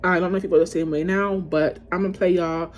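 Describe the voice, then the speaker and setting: A woman's voice: on the low side, steady tone, quick pace. A woman vlogging casually to camera, ranking music in a chatty, emotional way and calling her viewers y'all.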